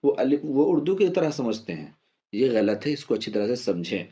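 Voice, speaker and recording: Patient man spelling out syllables slowly. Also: medium pitch, big pitch swings, mellow, slightly rough, muffled recording. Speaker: Quran recitation teacher. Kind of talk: step-by-step spelling lesson.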